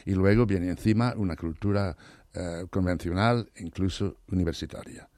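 A man speaking Spanish as a learned language, hoarse today, talking eagerly in an interview and often restarting or repeating words. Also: deep voice, normal speed, a little mellow, dry recording, studio quality. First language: not Spanish. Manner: enthusiastic, restarts words, many repetitions. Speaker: interview guest, literary scholar. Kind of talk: thoughtful conversational interview.

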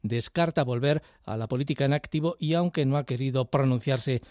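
A man reading the news as anchor in a steady, formal way. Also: mid-range voice, fairly quick, dry recording, studio quality. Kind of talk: read news bulletin. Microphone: studio mic.

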